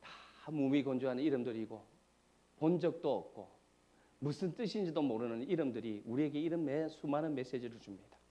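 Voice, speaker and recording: A man preaching a sermon as pastor, asking the congregation questions and swinging between shouted climaxes and hushed whispers. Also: mid-range voice, normal speed, dull audio. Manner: dramatic preaching, rising to shouts and dropping to whispers.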